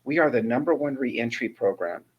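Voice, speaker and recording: Speaking at a normal speed in a mid-range voice, this Northern California man in his sixties shares his personal testimony as an interview guest. He works as a ministry mentor coordinator, talks casually and earnestly, and often restarts his sentences, all on a lo-fi recording with a little hiss or hum.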